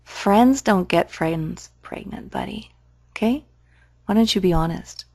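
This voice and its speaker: A woman's voice: medium pitch, a little slow, creaky, warm tone, dry recording. A woman giving sarcastic commentary on a video, firing challenging, mocking questions.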